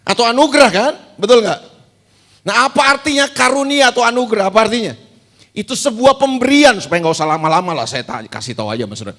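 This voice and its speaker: A man's voice: very high voice, fast, fairly bright tone. A male pastor preaching a sermon. He asks the congregation questions, answers them himself and repeats key words for emphasis.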